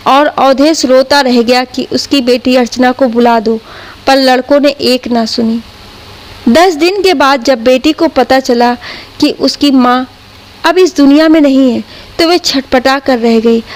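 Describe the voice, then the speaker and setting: A woman narrating an emotional family story in a steady, dramatic storytelling manner. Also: sits high.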